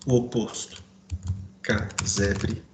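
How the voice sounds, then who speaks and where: A man teaching a grammar lesson, explaining step by step and checking in with his students through quick asides. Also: on the low side, flat delivery. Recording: roomy echo, faint background noise.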